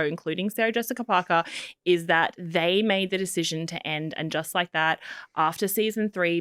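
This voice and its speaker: A woman's voice: on the low side, a bit bright, smooth, no room sound, clean studio sound. A young woman co-hosting a chat show, telling stories with animation and acting out quotes. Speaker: podcast co-host. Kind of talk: casual chat.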